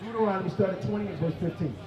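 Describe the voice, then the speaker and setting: A man preaching to a passerby in an emphatic, questioning way, breaking into shouts. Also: sits high, racing, dull audio. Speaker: street preacher. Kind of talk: confrontational street preaching. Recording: echoey, distant mic, loud crowd.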